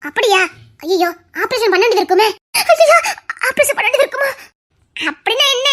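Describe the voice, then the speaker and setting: A woman's voice: very high voice, bright, forceful tone, exaggerated voice. A woman performing a family comedy skit, wailing and crying out in exaggerated mock distress.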